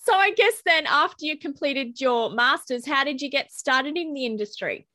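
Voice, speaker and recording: A woman hosting a podcast interview, encouraging and quick to react, with frequent fillers like "I guess". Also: sits high, animated, bright, forceful tone. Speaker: podcast host. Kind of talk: casual interview chat.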